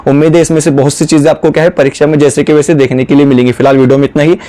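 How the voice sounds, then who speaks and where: A man's voice: a little high, level tone, very fast, warm tone. A man teaching an exam-prep lesson to students, explaining step by step and often slipping in filler phrases.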